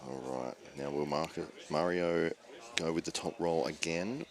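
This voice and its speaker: Low-pitched male play-by-play commentator. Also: unhurried, crowd noise. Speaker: stream host and play-by-play commentator. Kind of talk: live sports commentary.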